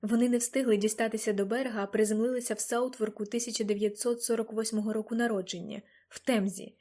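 A woman's voice: on the high side, fairly even intonation, fast, mellow, natural voice. A woman reading the lines of an elderly grandfather, earnest and a little guilty, in an audiobook. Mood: worried.

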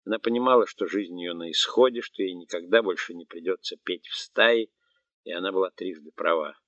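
A man narrating an audiobook in a steady, even reading. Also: low voice, fairly quick, dry recording. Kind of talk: scripted narration. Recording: dry, dull, muffled recording.

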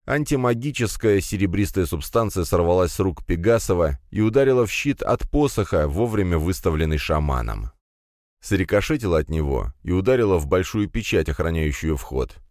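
A man narrating a fantasy audiobook in an expressive, dramatic manner. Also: sits low, a little fast, dry recording, clean studio sound.

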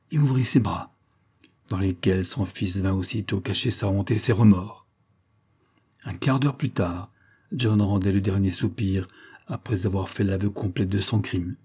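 A man narrating a classic serial story in a measured, dramatic reading. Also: fairly low pitch, warm tone, husky. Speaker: audiobook reader. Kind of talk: scripted narration of a serial novel.

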